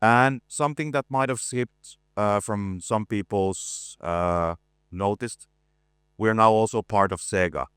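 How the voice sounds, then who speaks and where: A man in his forties giving a conference presentation, relaxed and self-deprecating, with frequent hesitations and a voice worn from talking a lot. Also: fairly low pitch, slow pace, smooth, dry recording, studio quality. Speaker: conference speaker, art director. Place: conference stage.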